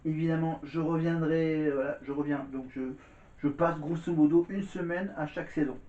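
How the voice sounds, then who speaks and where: A man talks to his viewers in a loose, rambling vlog, circling back to repeat himself. His voice sits a little high. The recording is dull and lo-fi, with a roomy echo around him. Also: steady tone, moderate pace, mellow. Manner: rambling, repeats words and says "voilà" often. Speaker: vlogger. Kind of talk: casual vlog chat to camera. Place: indoors at home. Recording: echoey room, dull lo-fi sound.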